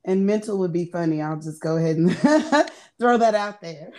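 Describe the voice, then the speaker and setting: A woman's voice: lowish voice, animated, normal speed, a little mellow. A woman hosting an interview, chatty, laughing easily and stumbling over her words. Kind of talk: casual interview.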